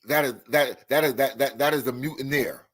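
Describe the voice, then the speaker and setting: Husky emphatic man hosting a live stream. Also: mid-range voice, steady tone, a little fast. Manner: emphatic, repeats words. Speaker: host. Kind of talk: casual live-stream chat.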